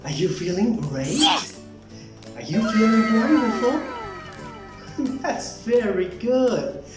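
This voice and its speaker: A woman's voice: fairly high pitch, animated, slow pace, far from the mic, music in the background. Singsong woman children's presenter, very echoey room. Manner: singsong, repeating words with playful exclamations like a children's show host. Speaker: children's English teacher and presenter. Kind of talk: children's educational show, teaching weather words through song and play-acting.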